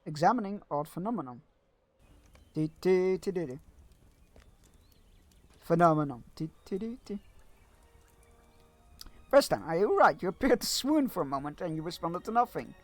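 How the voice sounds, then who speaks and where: A male game streamer chats sarcastically through a quest, his voice fairly high and swinging widely in pitch. He swears, reads the quest lines aloud, and sits close to a dry, deadened mic. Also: animated, normal speed, long pauses, dry recording, faint music behind. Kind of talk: casual live-stream commentary.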